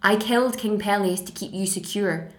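A woman's voice: medium pitch, normal speed, echoey room, close to an everyday voice. A 21-year-old woman with a Glasgow accent acting out a betrayed, scornful sorceress queen in a raised, sarcastic dramatic monologue. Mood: bitter, scornful. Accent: Glasgow Scottish.

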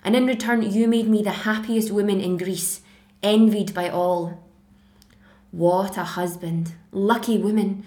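A woman's voice: medium pitch, darkish tone, reverberant, lightly acted. A 21-year-old woman with a Glasgow accent acting out a betrayed, scornful sorceress queen in a raised, sarcastic dramatic monologue. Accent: Glasgow Scottish.

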